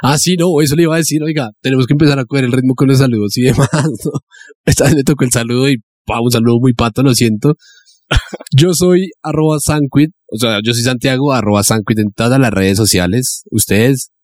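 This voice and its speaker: A man's voice: medium pitch, brisk, a little mellow, no echo. A Colombian man co-hosting a podcast, playful and laughing easily in casual chat on a phone mic. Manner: playful, laughing between remarks. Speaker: podcast co-host.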